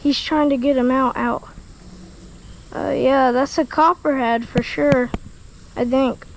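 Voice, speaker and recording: A woman vlogging outdoors by a creek, talking excitedly to the camera and exclaiming often. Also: sits high, slow pace, slight background noise, poor audio. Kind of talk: casual vlog commentary. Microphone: action camera mic.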